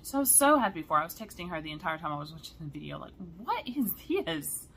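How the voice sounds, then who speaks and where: A woman, chatting excitedly to her viewers in a cross-stitch vlog and often saying y'all. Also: deep voice, racing, slight background noise. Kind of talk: casual chat to viewers.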